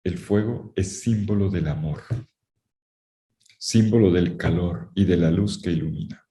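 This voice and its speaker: In a roomy, echoey recording, a man with a low, mellow voice gives an unhurried Bible lecture to a class. He repeats key phrases for emphasis, often turns to the students, and warns them directly.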